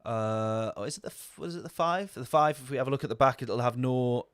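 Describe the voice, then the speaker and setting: Casting: male streamer, rambling casual commentary, average pitch, dry close sound. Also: fairly quick, clean tone, dry recording. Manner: rambling, chatty, answers viewer chat. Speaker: sim-racing streamer.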